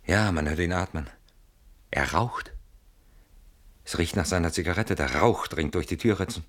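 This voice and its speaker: A man's voice sits low and a bit bright at a moderate pace as an actor plays an anxious, brooding man in a German radio play. He sounds wary and uneasy, defensive and articulate, turning things over with theatrical irony.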